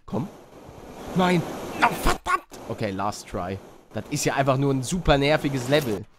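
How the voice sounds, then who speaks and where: A young man doing excitable Let's Play commentary, yelping at failures and mixing in English slang. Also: mid-range voice, normal speed, heavy background noise. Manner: excitable, shouts and yelps at failures; mixes English slang into his talk. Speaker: gaming YouTuber.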